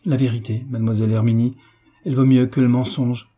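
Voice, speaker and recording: A man voicing an earnest young gentleman in an audiobook, explaining gently and earnestly. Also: mid-range voice, little pitch movement, brisk, breathy edge, close to an everyday voice. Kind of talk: audiobook character reading.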